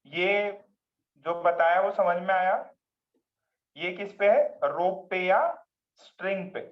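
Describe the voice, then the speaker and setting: A man's voice: sits high, level tone, slow pace. Man teaching physics, muffled lo-fi sound. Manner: asks the class questions and answers them himself, repeating key words. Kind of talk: classroom lecture in mixed Hindi and English. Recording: muffled lo-fi recording.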